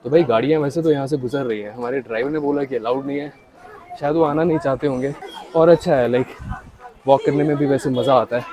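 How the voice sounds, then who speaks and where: A man's voice: medium pitch, quick pace, mellow, a faint crowd. Indian man vlogging outdoors among crowds. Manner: chatty, addresses viewers directly, mixes in English words. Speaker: travel vlogger. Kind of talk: casual travel vlog to camera. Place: outdoors at a busy hilltop temple.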